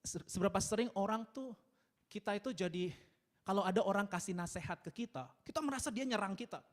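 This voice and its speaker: A married man preaching a sermon in a chatty, animated way, laughing often and mixing in English words. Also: high voice, fast. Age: adult, married. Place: church service.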